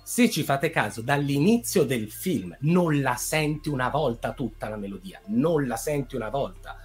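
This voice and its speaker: A man who composes film music, explaining in a relaxed conversational way and illustrating points with examples and a hummed melody. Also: medium pitch, moderate pace. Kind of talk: casual explanatory chat.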